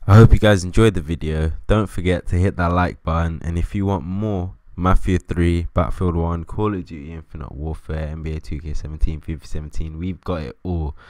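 A man's voice: low-pitched, fairly even intonation, fairly quick, few pauses, a little mellow, no echo. A man delivering an upbeat, scripted outro for a gaming channel. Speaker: YouTube channel host.

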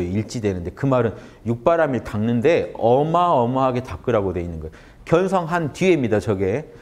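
Man, lecturer, lively rising and falling pitch, talks to the audience with questions. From Korea. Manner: animated, asks the audience questions. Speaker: Buddhist lecturer.

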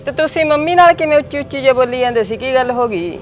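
A woman's voice: sits high, expressive, quick pace. A woman playing a timid young village wife, hesitant and complaining. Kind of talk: village short film acting.

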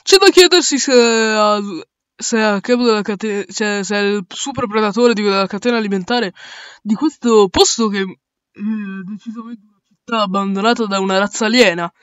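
A man voicing a male space crew captain in an amateur audio drama, giving orders and reasoning aloud with pauses. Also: sits high, fairly bright tone, clean tone, dry recording, dull audio. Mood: calm, commanding.

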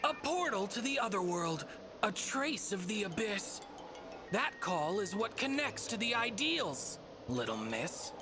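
A woman's voice: medium pitch, big pitch swings, measured pace, over music. A woman voicing a smug, mischievous stuffed rabbit creature in an anime video game, theatrical and teasing. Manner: theatrical, teasing, riddling rhymes.

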